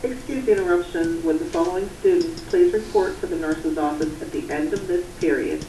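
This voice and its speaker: A mellow, formal voice comes through a school intercom loudspeaker, heard from across an echoey classroom with faint background noise. It reads a list of names slowly and politely, like a standard office announcement. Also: mid-range voice, distant mic. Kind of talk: formal public address announcement.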